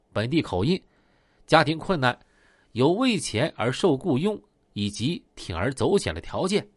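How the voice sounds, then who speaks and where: A man narrating a crime story aloud, animated and stretching his words with drawn-out filler particles. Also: medium pitch, no echo, studio quality.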